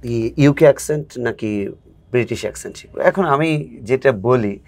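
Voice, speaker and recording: A man's voice: mid-range voice, moderate pace, a little mellow. A man who coaches spoken English, a guest in a casual interview, explaining patiently and acting out examples.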